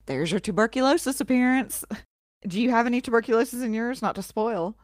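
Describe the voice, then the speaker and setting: A woman's voice: a little high, brisk, no echo, studio quality. A woman co-hosting a podcast, telling a history story in a casual, profane way and laughing often. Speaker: podcast co-host.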